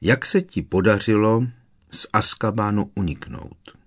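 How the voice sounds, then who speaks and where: A calm, elderly wizard headmaster who speaks quietly and steadily, as a male reader puts him on. The deep voice stays close to the reader's own. It comes from a storybook reading. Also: slightly rough. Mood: calm questioning. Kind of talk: audiobook character voice.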